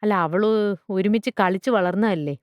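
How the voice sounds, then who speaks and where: A woman's voice: medium pitch, moderate pace, no room sound, lo-fi sound, close to an everyday voice. A woman voicing a weary, coaxing schoolteacher. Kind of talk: storybook character voice.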